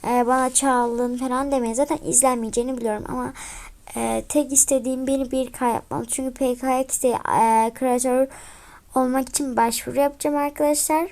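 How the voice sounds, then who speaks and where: A young woman, sounding a bit sick, giving chatty, excitable commentary over her gameplay and often dropping to a mutter. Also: high voice, fairly quick. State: slightly sick voice. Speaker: gaming vlogger.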